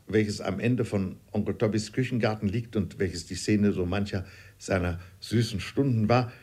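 A man narrating a classic novel as an audiobook reader, wry and lively. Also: medium pitch, slightly rough.

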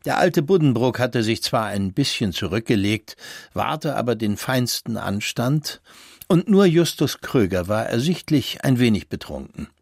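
A man's voice: medium pitch, vocal fry, no room sound. Man narrating a classic novel, dry sound. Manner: measured, expressive storytelling. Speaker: audiobook narrator. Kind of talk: scripted literary narration.

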